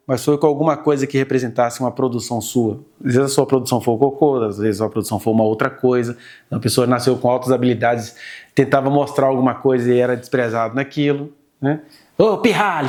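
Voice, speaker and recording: A man's voice: mid-range voice, steady tone, fast talker, mellow. A man preaching in a conversational, explanatory way to a church group, often checking in with the audience through tag questions. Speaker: preacher teaching a church class. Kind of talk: conversational sermon lecture. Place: church gathering.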